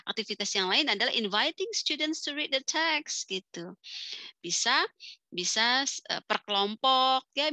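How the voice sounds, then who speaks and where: A young woman with an Indonesian accent lectures a class over a video call, chatty and quick to laugh as she mixes English into her talk. Her voice is bright and clear. The sound is close and dry, with no room around it. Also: medium pitch, dry recording.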